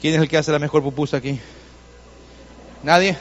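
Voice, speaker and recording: High-voiced man preaching in a church. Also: steady tone, fairly quick, big-room sound, highs cut off. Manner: conversational storytelling, direct address to the congregation; insistent, emphatic repetition. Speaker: pastor. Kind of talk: sermon.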